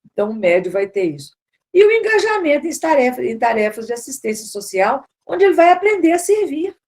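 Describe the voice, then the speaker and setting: A woman's voice: sits high, very animated, a little fast, a little mellow. A Brazilian woman speaking at a spiritual seminar, informal and conversational, often repeating words and tagging on "né?". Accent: Brazilian Portuguese.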